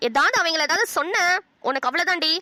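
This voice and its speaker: A woman voicing a stern older mother-in-law in a cartoon, scolding slowly in a lowered voice. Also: animated, pushed and bright, exaggerated voice. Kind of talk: cartoon voice acting.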